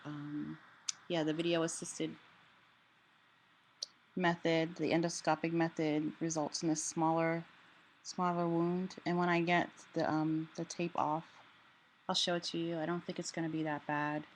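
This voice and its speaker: A woman with a notably low voice talks casually and haltingly, as if to a camera for a personal update. Her throat is sore and swollen after surgery, which limits her vocal range. There is clear background noise in the recording. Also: little pitch movement. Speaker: vlogger sharing a health update. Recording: clearly noisy room ambience.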